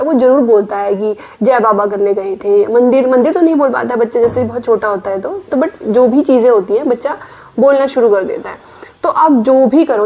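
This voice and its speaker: Higher-voiced Indian woman giving parenting tips. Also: warm tone, breathy edge. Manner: explanatory, mixes English words into Hindi. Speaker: parenting vlogger, working mother. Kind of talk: casual advice talk.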